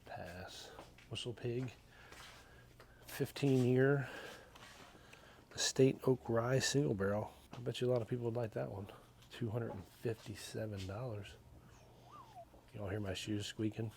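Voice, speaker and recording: A man's voice: mid-range voice, steady tone, a little slow, creaky, long pauses, noisy background. A man co-hosting a bourbon vlog, half-whispering dry, joking price comments while walking a liquor store aisle. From Tennessee. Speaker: bourbon reviewer and channel co-host. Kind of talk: casual walk-through vlog.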